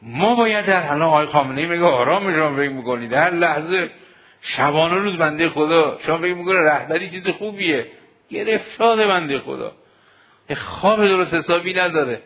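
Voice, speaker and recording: A man preaching a sermon to seminary students, exhorting them with rhetorical questions. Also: fairly high pitch. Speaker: cleric teaching seminary students. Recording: dull lo-fi recording.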